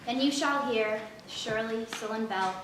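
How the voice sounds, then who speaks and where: A woman reciting a sonnet as a contestant, in a measured, dramatic delivery. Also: fairly high pitch. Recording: echoey hall, distant mic, faint noise.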